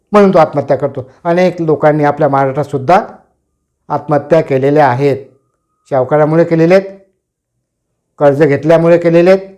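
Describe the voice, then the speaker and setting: A man's voice: a little high, warm tone. A man lecturing a class, explaining Pali verses line by line, repeating phrases with synonyms and dictating notes. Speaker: teacher.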